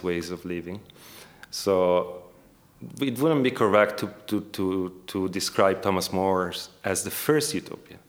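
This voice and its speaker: Low-pitched, careful academic man. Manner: hesitant, careful academic phrasing with frequent rewording. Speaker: academic researcher, interviewee. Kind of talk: scholarly interview discussion.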